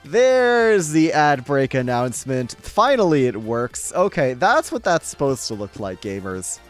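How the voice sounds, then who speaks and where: Man streamer with lively, joking banter. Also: mid-range voice, a little slow, soft background music. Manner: jokey, rambling banter. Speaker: livestreamer. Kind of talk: live gameplay commentary.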